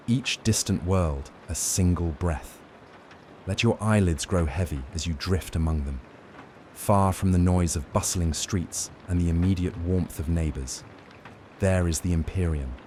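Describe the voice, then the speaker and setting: Really deep dark-voiced guy reading a sleep story, slow n gentle, soothing. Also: slight background noise. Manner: gentle, measured, hushed lulling delivery. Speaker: narrator of bedtime lore stories.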